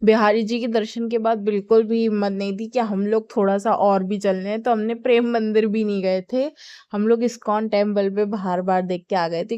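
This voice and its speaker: Young woman, casual vlogger. Chatty, filler-heavy, tired. Smooth voice, dry recording. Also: mid-range voice, a little mellow, no room sound, dull audio. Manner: chatty, with many fillers and English words mixed in. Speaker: travel vlogger. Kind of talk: casual vlog narration.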